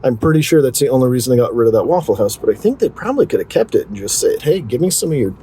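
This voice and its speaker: A man's voice: mid-range voice, sing-song, rapid-fire, dark tone. A man casually narrating a driving tour as a real estate guide, chatty and self-deprecating, with joking asides. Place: inside a moving car. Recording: car road noise behind.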